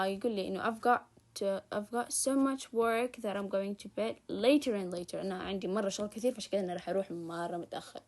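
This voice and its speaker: A young woman with a Hijazi Arabic accent, giving a casual recorded grammar lesson as a student tutor. She draws out her examples slowly and rushes through quick asides. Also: medium pitch, darkish tone. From Saudi Arabia.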